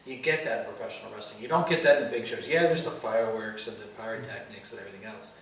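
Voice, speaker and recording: A man with a gravelly voice chatting casually in an interview about live wrestling. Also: fairly low pitch, rapid-fire, a bit bright. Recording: echoey room, distant mic, faint background noise.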